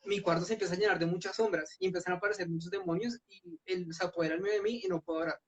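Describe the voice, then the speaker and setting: A young man with a high, steady voice gives an earnest personal testimony at a church youth meeting, speaking rapid-fire. He tells his story with frequent restarts, and the recording has a dull lo-fi sound.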